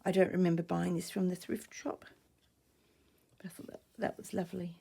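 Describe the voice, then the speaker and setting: Soft-spoken croaky woman with a mellow voice. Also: lowish voice, flat delivery, moderate pace. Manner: soft-spoken, rambling, drifts into near-whispers. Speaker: vlogger showing vintage finds. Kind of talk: casual show-and-tell chat. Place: small room at home. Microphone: camera or tablet on a desk.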